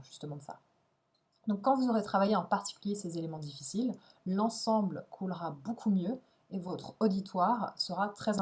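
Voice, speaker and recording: A woman teaches an instructional video lesson, explaining step by step. She speaks clearly, leans on the key words and keeps an encouraging tone. Her voice sits at an ordinary middle pitch. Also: a little mellow. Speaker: English teacher.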